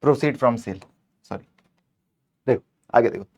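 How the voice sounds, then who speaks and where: A man's voice: medium pitch, slow. Playful male accounting teacher. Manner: playful, scolds answer options, switches between Hindi and English. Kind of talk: exam-prep lecture.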